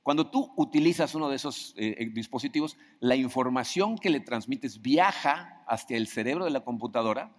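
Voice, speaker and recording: A man delivers a sermon in a relaxed, conversational way, often asking his listeners questions. His voice sits in a middle range. A long hall reverb trails behind every phrase. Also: medium pitch, moderate pace, hardly any pauses. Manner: conversational, asks the audience questions, acts out quoted voices. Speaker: preacher.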